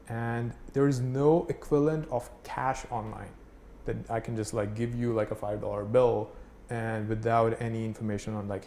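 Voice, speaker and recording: A man's voice: on the low side, mellow. A man from Pakistan explaining things in a casual conversational way, full of fillers and "right?" checks. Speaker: instructor. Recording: echoey room, faint noise.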